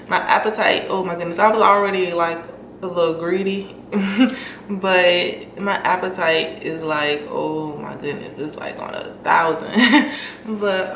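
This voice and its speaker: With a medium-pitched, fairly bright voice, a young woman chats to her camera as a vlogger, laughing often and leaning on fillers. She's stuffy and short of breath, and the distant mic picks up a noisy, echoing room.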